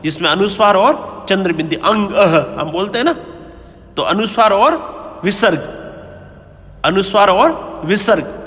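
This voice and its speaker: Bright-voiced male Hindi grammar teacher. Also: high voice, big-room sound. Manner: explains patiently, keeps asking "है ना?" and "ठीक है?". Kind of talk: classroom-style grammar lecture.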